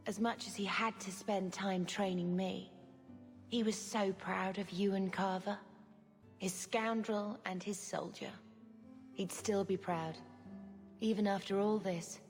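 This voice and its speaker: An actress voicing a gentle young woman mage who speaks softly and wistfully to her sibling. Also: medium pitch, fairly even intonation, measured pace, long pauses, faint music behind, natural voice. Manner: soft, wistful. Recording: long hall reverb.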